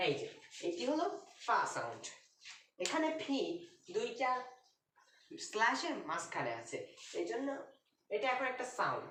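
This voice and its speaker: A woman teaching English pronunciation at a board, speaking slowly and patiently as she writes. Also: a little high, huge pitch swings, fairly bright tone. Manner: patient, drawn-out, writing as she talks. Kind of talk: explanatory lesson at a board. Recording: roomy, distant, faint noise.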